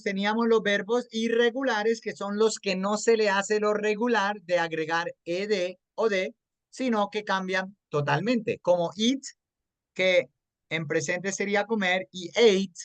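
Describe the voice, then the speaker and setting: Slow, patient Colombian English teacher. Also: medium pitch, dry recording. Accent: Colombian Spanish. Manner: patient, checks understanding often; mixes English words into Spanish explanation. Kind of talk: explaining grammar to a student. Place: online class.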